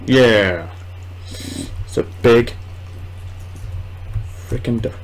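Talking extremely slowly in a mid-range voice, a gamer and video host in his twenties offers offhand let's play commentary. He rambles and mutters to himself with hesitation. The home recording, made indoors in a small room, is noticeably noisy.

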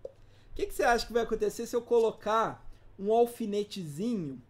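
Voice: mid-range voice, lively intonation, normal speed, a little mellow. An instructor giving a casual live class, informal and slangy, often putting rhetorical questions to the audience. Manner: slangy, playful teaching asides.

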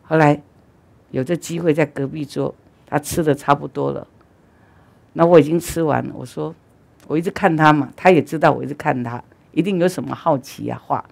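A woman Buddhist teacher giving a dharma talk, telling stories animatedly, with loud urging and quiet asides. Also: sits low, fairly quick, gravelly.

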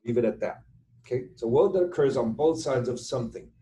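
A middle-aged structural engineering instructor sits indoors at his computer on webcam, giving an informal tutorial over screen share. His warm, mid-range voice moves in a halting, deliberate way as he thinks aloud while writing.

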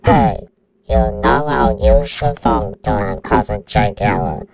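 A man's voice: lowish voice, unhurried, crowd noise, rough recording. A synthetic male voice playing a menacing computer virus that announces countdowns in a robotic tone.

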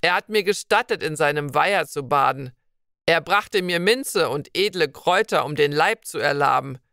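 Woman doing a friendly young knight, courteous and reassuring, lowered voice, old-fashioned storybook speech. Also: animated, normal speed, fairly bright tone, no room sound, clean studio sound.

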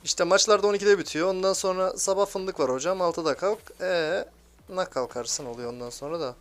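Excitable young man commenting gameplay. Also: high-pitched, fairly quick, faint music behind. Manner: excitable, swears and grumbles at teammates. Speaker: mobile game streamer.

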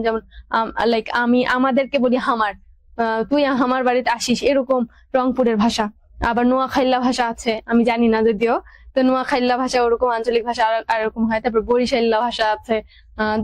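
Higher-pitched woman teaching a class. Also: darkish tone, no echo. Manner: explains patiently with many fillers and repeated examples. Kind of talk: online class lesson.

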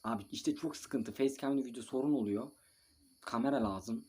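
A young man commentating live on his own mobile football match. He calls players by name, scolds them, swears a little, breaks into shouts and talks to viewers between plays. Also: medium pitch, normal speed, slightly rough. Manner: bursts of shouting and mild swearing. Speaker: mobile football gamer and video maker.

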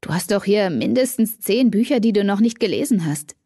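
A woman's voice: medium pitch, expressive, fairly quick, dark tone, husky, no room sound. A woman voicing a cocky, teasing teenage boy in an audiobook, read with a dry, close sound. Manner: teasing, smug.

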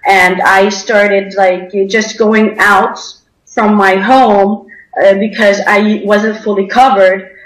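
A woman's voice: mid-range voice, fairly even intonation, slow pace, fairly bright tone, reverberant, poor audio. A young woman from Denmark answering interview questions over a video call, hesitant with many fillers.

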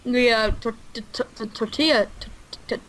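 Playful high-voiced woman gaming chat. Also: a little fast, a bit bright, rough recording. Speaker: gamer co-host.

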